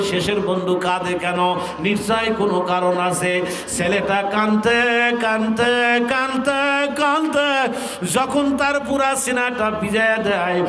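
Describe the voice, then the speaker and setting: High-voiced chanting male preacher. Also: a bit bright. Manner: melodic sing-song chanting, addresses listeners as bajan. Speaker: Islamic preacher. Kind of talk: chanted waz sermon storytelling. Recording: echoey PA sound with long reverb.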